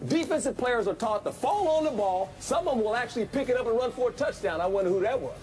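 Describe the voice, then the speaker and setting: A man, a former football coach, analyzing a game in a sports debate, folksy and animated, repeating himself. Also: extremely high pitch, fast, faint music behind.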